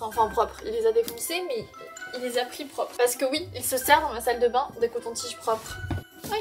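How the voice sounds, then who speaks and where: A young woman with a high, bright voice chats to her camera in her apartment, lively and expressive, muttering as she decorates. Faint music plays in the background. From France. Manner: chatty and expressive, mutters and swears while doing chores. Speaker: lifestyle vlogger. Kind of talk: casual vlog chat. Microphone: camera mic.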